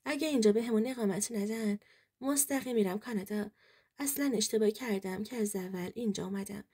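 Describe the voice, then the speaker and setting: A cold, selfish husband who brushes things off in a flat, dismissive way, as a woman narrator reads him. The voice stays mellow and slightly husky. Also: mid-range voice.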